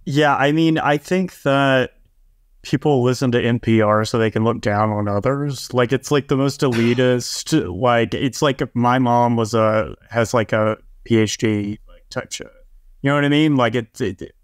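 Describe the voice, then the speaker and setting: A man's voice: medium pitch, normal speed, smooth, no room sound, clean studio sound. A man co-hosting a podcast, rambling casually with frequent laughs and filler words. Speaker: podcast co-host. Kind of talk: casual panel chat.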